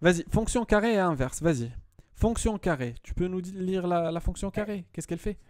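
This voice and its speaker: Patient male math tutor, dark voice. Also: high-pitched, fairly quick, no echo, clean studio sound. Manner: patient, repeats words and checks understanding.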